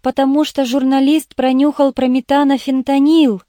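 A woman's voice: high voice, little pitch movement, normal speed, warm tone, no echo, lightly acted. A woman voicing a frightened teenage schoolboy who pleads tearfully in an audiobook. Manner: trembling, pleading. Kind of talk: audiobook reading.

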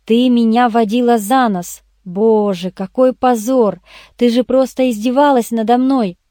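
Woman doing a gruff, fed-up male detective. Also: a little high, steady tone, measured pace, dark tone, no room sound, clean studio sound, lightly acted. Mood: indignant. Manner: gruff, indignant. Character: exasperated male private detective, blunt and irritable. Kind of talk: audiobook character voice.

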